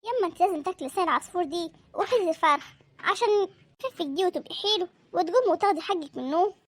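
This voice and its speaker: A woman's voice: very high-pitched, animated, rapid-fire, no echo. A woman voicing a caring young village daughter with an Upper Egyptian accent. She coaxes and pleads with her sick mother. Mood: coaxing. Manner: coaxing, pleading.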